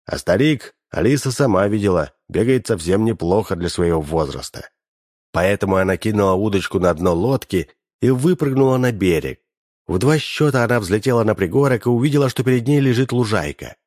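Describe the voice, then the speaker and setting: Low-voiced man narrating an audiobook. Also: expressive, fairly quick, a little mellow, no room sound, clean studio sound.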